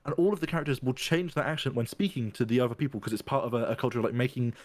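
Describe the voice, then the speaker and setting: A man's voice: medium pitch, very fast, dry recording. Casual podcast guy rambling through an argument, dry mic, asks "right?" a lot. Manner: explains at length, checks in with "right?". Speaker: podcast host.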